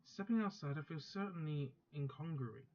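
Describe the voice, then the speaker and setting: A man with a fairly high, mellow voice and lively intonation reads a visual novel's first-person narration from the view of a proud teenage girl magus, at a moderate pace. His plain delivery stumbles and self-corrects, and the dull lo-fi recording carries faint music and slight background noise.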